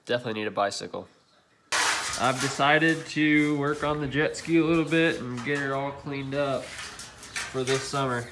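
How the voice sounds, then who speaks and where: A man's voice: mid-range voice, noisy background. A young man casually narrating his weekend vlog, talking in a laid-back, rambling way into a phone held at arm's length. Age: young adult. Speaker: vlogger. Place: outdoors and at home, handheld. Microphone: phone camera at arm's length.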